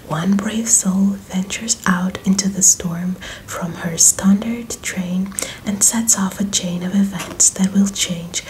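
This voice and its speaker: A young woman performs a whispered role-play as a friendly librarian. She keeps to a soft library whisper at a very slow, unhurried pace, helpful and gentle in how she guides the listener. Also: mid-range voice, low-quality recording. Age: young adult. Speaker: ASMR performer playing a librarian. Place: small indoor room with bookshelves.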